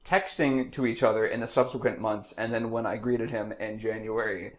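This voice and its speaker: A man's voice: lowish voice, steady tone, moderate pace. Playful man co-hosting a chat. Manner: playful, jokey, slips into silly voices. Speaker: podcast co-host. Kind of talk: casual chat while cooking. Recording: faint background noise, home kitchen.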